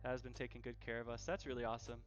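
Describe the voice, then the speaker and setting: Hosting a live cooking stream from his home kitchen, a mid-pitched man chats casually in an easygoing, rapid-fire way with a level tone, often repeating himself for emphasis. Music is clearly audible, and the audio sounds dull and lo-fi.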